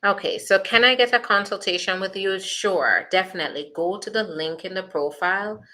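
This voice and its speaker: Her voice sits at medium pitch, bright and forceful, at normal speed. A Jamaican-accented immigration attorney, she goes through viewer questions in a live Q&A, chatting reassuringly with many fillers.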